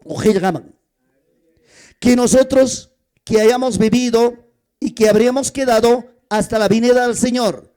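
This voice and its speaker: A man's voice: very high-pitched, unhurried, long pauses, mellow. A man with an Andean Peruvian Spanish accent preaching a sermon at a church gathering, moving between Quechua and Spanish and acting out little family scenes. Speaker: pastor.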